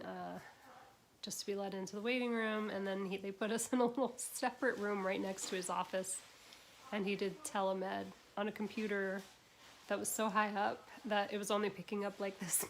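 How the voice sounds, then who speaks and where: Hoarse, gravelly woman half-whispering. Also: mid-range voice, a little hiss or hum. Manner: soft, often whispering, drained but excited. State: hoarse, voice nearly gone. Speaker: vlogger. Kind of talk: casual vlog chat.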